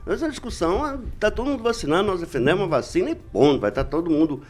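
A man commenting on a radio talk show in a wry, relaxed way. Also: sits high, quick pace, soft background music. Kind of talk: casual debate.

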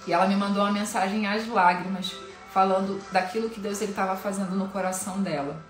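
A Brazilian woman with a Brazilian Portuguese accent speaks in a devotional live stream for women. She is frank, informal and openly emotional, and her mid-pitched voice rings in a roomy space. Faint music plays behind her. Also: fast. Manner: candid, informal, emotionally expressive.

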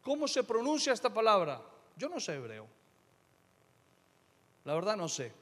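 A middle-aged male pastor delivers a sermon in a notably high voice. He preaches emphatically, dropping to quiet asides and then rising to loud declarations. His voice rings with the long reverb of a large hall. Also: huge pitch swings, normal speed.

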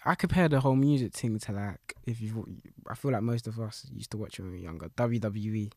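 A man's voice: lowish voice, fairly quick, mellow, no room sound, clean studio sound. A young man with a London roadman accent talks casually in loose, slangy street language, often repeating his phrases. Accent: London roadman, Multicultural London English. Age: young adult. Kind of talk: casual conversation about music.

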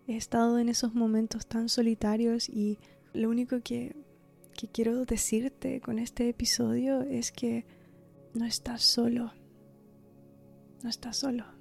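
A young woman talks into her podcast mic in a mellow, somewhat high voice with a gravelly fry at the ends of phrases. She speaks softly and intimately, often sinking to a breathy near-whisper. She repeats key words to reassure her listeners, and faint music plays underneath. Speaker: podcast host. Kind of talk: casual motivational podcast monologue.

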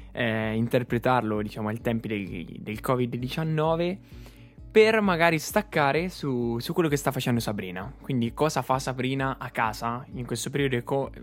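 Male host, mid pitch, halting with fillers, faint music underneath. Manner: hesitant, filler-heavy links. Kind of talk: casual radio-style hosting.

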